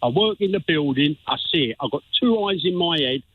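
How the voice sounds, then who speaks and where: Radio caller: a sixties London man on a phone line, husky and dry, blunt and repetitive. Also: a little high, animated, a little fast, dry recording. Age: 60s. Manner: blunt, insistent, repeats himself. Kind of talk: heated phone-in argument.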